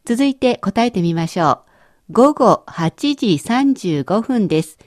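A woman teaching a language lesson in a clear, encouraging way, explaining step by step. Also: medium pitch, lively intonation, slow pace, darkish tone, no echo, clean studio sound.

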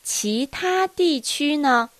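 A woman teaching a language lesson, reading dialogue lines with careful, deliberate enunciation. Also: sits high, lively intonation, dry recording.

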